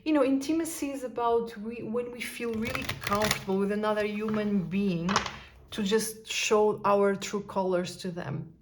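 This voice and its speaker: Soft-spoken woman reading tarot. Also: medium pitch, slight background noise. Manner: soft, reflective, musing aloud with sighs and pauses. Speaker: tarot card reader. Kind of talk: intuitive tarot reading to camera.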